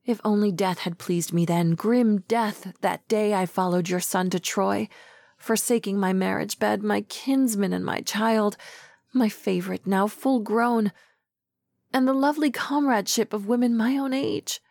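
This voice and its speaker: A woman's voice: mid-range voice, a little slow, gravelly, darkish tone, no room sound, pitched above the performer's own voice. A woman voicing a sorrowful, self-reproaching queen in a dry-sounding audiobook reading.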